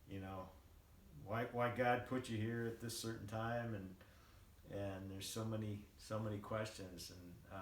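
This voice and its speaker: Slow-talking older man, halting and reflective. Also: fairly low pitch, fairly bright tone. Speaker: vlogger. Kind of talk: casual devotional reflection, rambling monologue. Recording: roomy, distant mic, faint background noise.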